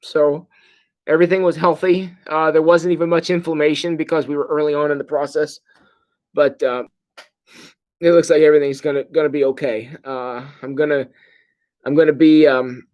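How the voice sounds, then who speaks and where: Groggy, medicated middle-aged man speaking haltingly. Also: on the high side, flat delivery, a little mellow. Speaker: pastor. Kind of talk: casual livestream update to congregation. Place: hospital room.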